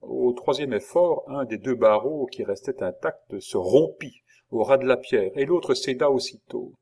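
A man's voice: mid-range voice, animated, unhurried, warm tone. Man reading a novel aloud. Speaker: narrator.

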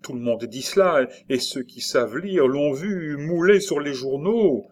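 A frightened, superstitious peasant nurse woman, put on by a male reader, her voice pushed up high and loud. She cries out in alarm, a countrywoman caught between fear and pity in a spoken storybook. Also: lively intonation, a little slow. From Normandy (figure). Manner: high, cried-out exclamations.

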